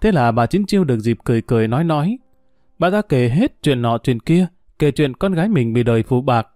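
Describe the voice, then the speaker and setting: A man narrating a novel in a steady, even storytelling voice. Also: mid-range voice, fairly quick, dry recording, clean studio sound, soft background music. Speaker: audiobook narrator.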